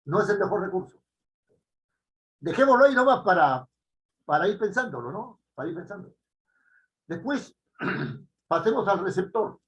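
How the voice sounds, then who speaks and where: A man giving a classroom lecture, repeating key phrases and checking in with the students with quick tag questions. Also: a little high, poor audio. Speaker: teacher.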